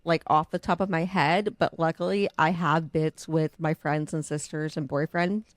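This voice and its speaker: A woman's voice: sits low, steady tone, moderate pace, no room sound, clean studio sound. A young woman co-hosting a podcast, chatting casually in a giggly, playful way. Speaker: podcast co-host. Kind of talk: casual chat.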